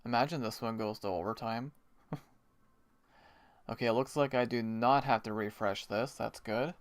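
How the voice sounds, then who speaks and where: A Canadian man hosts a live hockey watch party stream, chatting casually, explaining the game, and chuckling often. His medium-pitched voice keeps a moderate pace, and the recording is dry.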